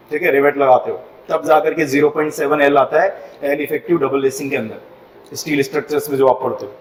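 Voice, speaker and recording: A man's voice: on the high side, roomy sound, distant mic, a little hiss or hum, rough recording. A man with an Indian accent teaching a civil engineering class, mixing Hindi and English and often asking the students if they follow. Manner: mixes Hindi and English, asks the class frequent checking questions. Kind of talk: classroom lecture.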